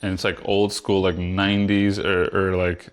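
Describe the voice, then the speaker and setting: A man's voice: low-pitched, normal speed, smooth. A man in his forties from Puerto Rico, a guest chatting casually and rambling with lots of fillers. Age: 40s. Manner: relaxed, rambling, many fillers like "you know". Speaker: guest, foiler. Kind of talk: casual conversation.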